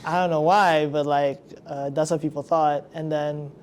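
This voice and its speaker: Fairly high-pitched and fairly even in intonation, this young Indonesian podcast host talks at a moderate pace, filling his casual chatter with plenty of "like." A little hiss or hum runs under the recording.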